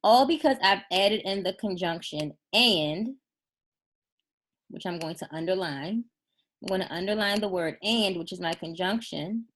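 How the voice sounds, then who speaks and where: A woman teaching a first grade class in a recorded remote lesson, patient and encouraging, slowing down to spell out sample sentences. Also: mid-range voice, fairly bright tone. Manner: slow, deliberate dictation of sample sentences.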